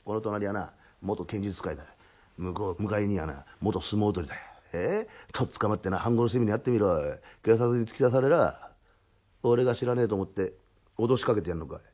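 Man doing a deadpan broke tenant. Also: a little fast, natural voice. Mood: dry warning. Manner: low, unbothered, deadpan. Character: lazy deadpan male tenant, broke carpenter. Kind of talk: comic storytelling.

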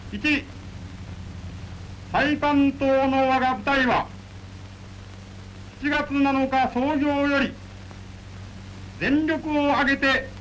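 A male radio announcer reads a formal official war bulletin in an old wartime radio broadcast, with a slow, measured delivery. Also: very high-pitched, a bit bright, dull audio. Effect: old wartime radio broadcast recording. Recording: old radio recording with faint hiss and hum.

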